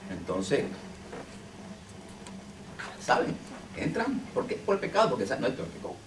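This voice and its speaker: This deliverance minister speaks at normal speed with a medium-pitched voice that swings hugely in pitch. Teaching a small group informally, he repeats himself and checks in with "ok?" and "understand?", heard through a distant mic in a noisy, echoey room.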